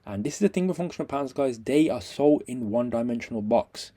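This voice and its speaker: A man's voice: mid-range voice, expressive, fast talker, mellow. A man talks casually and bluntly in a rambling video review, repeating himself in slangy, scathing, aggrieved critique. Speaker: vlogger giving a review.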